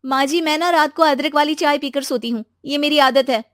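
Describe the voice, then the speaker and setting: A woman's voice: sits high, a little fast, fairly bright tone, no echo, clean studio sound, voice pushed up. A woman voicing an outspoken, playful young woman about to marry, in a cartoon story. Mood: chirpy. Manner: chirpy, playful. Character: lively, outspoken young bride-to-be.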